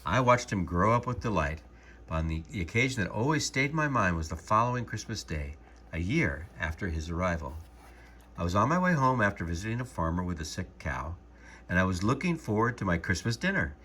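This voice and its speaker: Low calm guy narrating a storybook, gentle and measured, soft hiss behind. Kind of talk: storybook reading.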